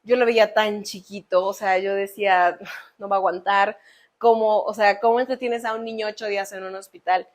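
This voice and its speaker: A woman with a Mexican accent, co-hosting a podcast, tells an emotional personal story in a lively way and acts out the voices she quotes. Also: medium pitch, fairly quick. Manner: animated, acts out quoted voices, frequent fillers. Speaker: podcast co-host.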